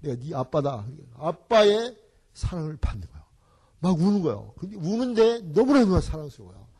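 Husky, lively older man telling stories. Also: high-pitched, a little fast. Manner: animated storytelling, acting out family scenes, dropping in English phrases. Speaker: church elder giving a parenting seminar. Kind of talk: seminar talk with storytelling.

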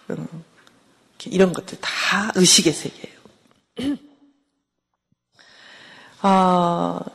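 A middle-aged woman professor with a mid-range voice gives a conversational counseling lecture in class, often putting questions to her listeners. Her voice trails off in a long reverb tail.

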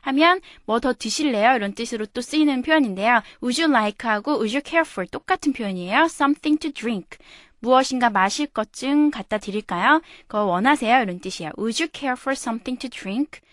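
A woman with a fairly high voice teaches English on the radio, explaining each phrase patiently and saying examples slowly. The sound is close and dry, as in a studio. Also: animated, a bit bright, no room sound.

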